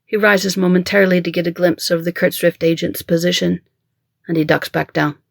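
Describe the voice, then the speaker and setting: An author reading their own mystery-thriller audiobook in first person, with a measured, even storytelling manner, recorded close to the mic. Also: mid-range voice, creaky, no room sound. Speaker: author and narrator.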